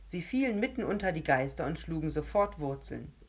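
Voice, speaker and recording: A woman narrates a children's storybook in a calm, even reading voice. Her tone is low and slightly husky, and she paces the story steadily. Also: brisk.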